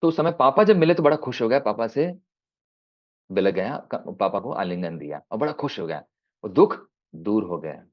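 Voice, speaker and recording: A man giving a storytelling sermon on a video call, acting out a child and father in turn, rising high for the child and dropping soft for the father, with English phrases mixed in. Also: very animated, normal speed. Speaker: devotional speaker. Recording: dull lo-fi video call audio.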